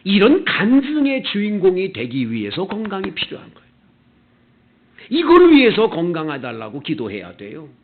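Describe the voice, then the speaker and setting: Lively gravelly-voiced male pastor preaching. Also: on the high side. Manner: animated preaching, acting out quoted customers in character. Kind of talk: sermon. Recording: tinny, phone-like church video audio.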